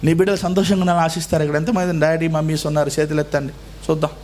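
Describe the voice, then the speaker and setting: A man preaching a sermon as pastor, swinging between loud exclamations and soft low phrases and slowing down to stress words. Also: little pitch movement, noisy background.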